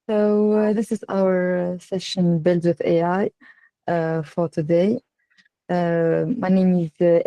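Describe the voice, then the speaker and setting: A woman with a North African accent from Tunisia leads an online workshop. Her voice is slightly low and mellow. She speaks haltingly, pausing often on fillers, and the sound is dry and close. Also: no echo. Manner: halting, with frequent filled pauses. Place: online video call.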